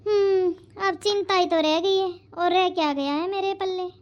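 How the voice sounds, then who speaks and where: A woman's voice: extremely high pitch, fairly even intonation, moderate pace, lo-fi sound. A woman voicing a proud, scolding mother-in-law. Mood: worried. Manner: scolding, fussy about her honour. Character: sharp-tongued middle-aged mother-in-law, proud and quick-tempered. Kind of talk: cartoon voice acting.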